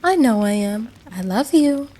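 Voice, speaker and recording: A woman plays a caring, motherly American wife in a roleplay audio drama, sounding affectionate, gentle and reassuring and using plenty of endearments. Her voice is a little high and animated, and she speaks a little slowly.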